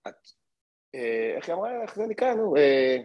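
Animated man telling a story. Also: on the high side, no echo, highs cut off. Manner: excitable, acts out the other voices in his story. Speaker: guest, martial arts fighter and instructor.

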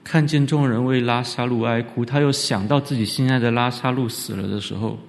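A man giving an animated church lecture on scripture, often leaping up in pitch for emphasis. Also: a little fast, vocal fry. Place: church hall. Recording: reverberant church hall.

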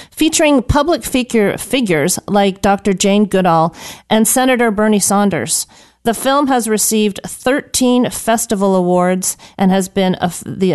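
A woman's voice: mid-range voice, a little mellow, clear, resonant tone. A woman hosting a live radio health show, chatty and rambling, laughing often. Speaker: radio talk show host.

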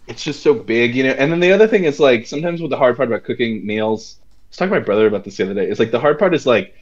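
A man's voice: mid-range voice, expressive, very fast, muffled recording. A man co-hosting a casual podcast chat, rambling with lots of "like" and "you know" fillers. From United States.

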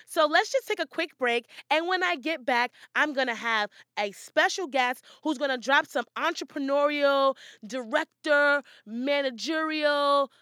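A woman podcast host with a bright, fairly high voice, chatting in an upbeat, motivational way. The sound is close and dry, like a small recording space with no room echo. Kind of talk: casual solo podcast monologue.

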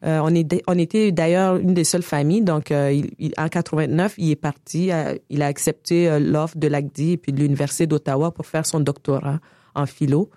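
A woman in her forties from Niger, with a Quebec French accent, telling her life story in a relaxed interview, full of hesitations and laughter. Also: sits low, brisk, no room sound, clean studio sound. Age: 40s. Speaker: guest. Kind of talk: casual conversational interview.

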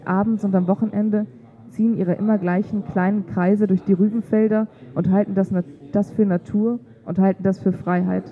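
A woman reading a literary story aloud in a calm, measured way. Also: mid-range voice. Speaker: narrator. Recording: tinny phone-like sound.

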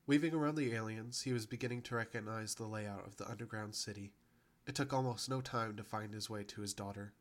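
A man with a fairly low voice narrating a serial story from a script. He keeps a steady, even storytelling pace throughout. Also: fairly quick. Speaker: podcast narrator.

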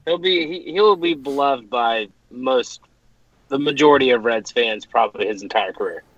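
A man's voice: mid-range voice, moderate pace, a bit bright. A man co-hosting a casual sports podcast, telling stories animatedly and laughing, slightly dull recording. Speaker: podcast co-host. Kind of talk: casual chat.

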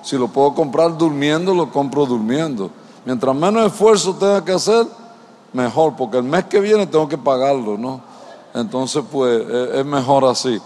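A man's voice: mid-range voice, moderate pace, a little mellow. A male pastor preaching a sermon, telling stories and asking the congregation rhetorical questions. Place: church. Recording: long church-hall reverb.

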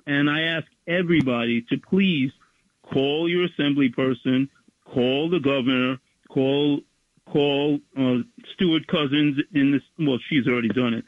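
A man's voice: medium pitch, unhurried, no room sound. A male caller on a radio show, speaking over a clipped phone line in a rambling way and urging listeners to take action. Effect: clipped, thin phone line. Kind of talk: phone-in activism.

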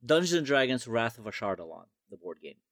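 A man's voice: mid-range voice, big pitch swings, fast talker, a crowd in the background. A man on a board game podcast, musing hesitantly over guesses. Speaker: podcast co-host. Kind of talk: casual chat.

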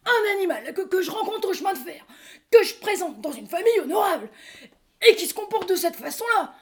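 A woman reads a blustering, cowardly French friend of the husband. The voice is very high, and the words trip over one another in stammers. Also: very animated, brisk, exaggerated voice. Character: blustering male friend, hot-tempered but cowardly.

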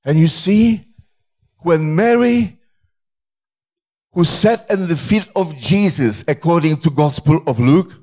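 A man, a pastor, preaching a sermon in short phrases and pausing for an interpreter. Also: fairly high pitch, darkish tone. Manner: slow, halting delivery in short phrases.

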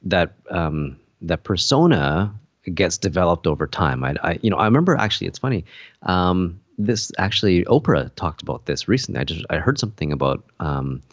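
Deep guy rambling on a podcast, lots of likes and ums, muffled dry sound. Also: lively intonation, brisk, no room sound. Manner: rambling, many fillers and restarts. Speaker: podcast co-host. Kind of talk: casual chat.

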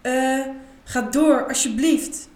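Woman reading breathy eager young escort, high and loud, roomy sound. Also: lively intonation, takes it slowly. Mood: hesitant.

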